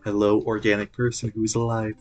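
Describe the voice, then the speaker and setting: A courteous clinic robot greets visitors and reports a scan in flat, clipped statements, as a man voices it. The delivery is dry and methodical, with the video game's faint music behind it. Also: lowish voice, fairly quick, natural voice. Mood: dutiful.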